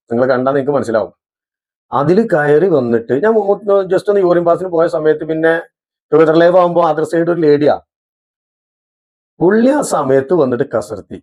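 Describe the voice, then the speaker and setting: Fast-talking indignant Malabar man. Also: fairly high pitch, a little mellow. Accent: Malabar Malayalam. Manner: indignant, accusing. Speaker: vlogger. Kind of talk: casual vlog monologue. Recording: dull lo-fi audio.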